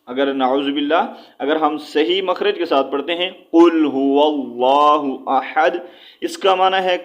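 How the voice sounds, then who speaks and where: Brief: male recitation tutor, slightly higher pitch, repetitive and patient, drawn-out demonstrations. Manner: repeats points, checks in with frequent "okay"; slows right down to demonstrate sounds. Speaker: Quran recitation teacher. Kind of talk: spoken lesson.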